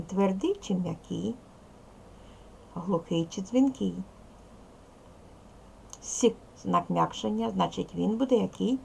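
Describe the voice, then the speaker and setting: A woman's voice: medium pitch, creaky, darkish tone, a little hiss or hum. A woman teaching a primary school language lesson with a Ukrainian accent, patiently prompting young pupils with repeated questions. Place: classroom.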